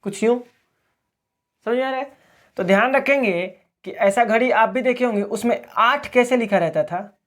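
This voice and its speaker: A man's voice: very high-pitched, moderate pace. A man from Bihar, teaching a video lesson in a question-and-answer drill, asking each question and answering it himself. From Bihar, India. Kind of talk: classroom-style video lesson.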